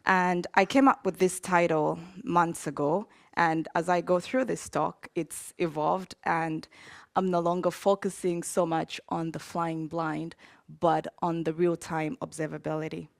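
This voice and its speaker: A woman from Zambia giving a conference talk, in a conversational way with frequent pauses and fillers. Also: fairly low pitch, little pitch movement, creaky, dry recording, studio quality. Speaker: conference speaker. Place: conference hall.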